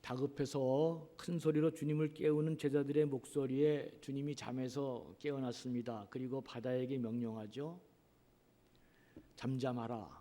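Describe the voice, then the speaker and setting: A man preaching a sermon as pastor, earnest, asking rhetorical questions and pausing on drawn-out fillers. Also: medium pitch, mellow. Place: church sanctuary. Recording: long reverb of a church hall.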